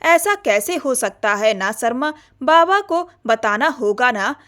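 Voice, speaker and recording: A woman's voice: on the high side, lively intonation, slow, a bit bright. A woman voicing a shy, nervous young woman in love who talks in a pleading, hesitant way in an audio novel. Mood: coaxing.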